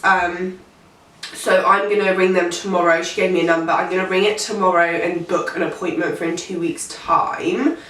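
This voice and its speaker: A pregnant vlogger in her late teens chats casually to camera in a mid-range, fairly bright voice. She rambles, full of "um" and "like", and the mic sits far from her in an echoey room.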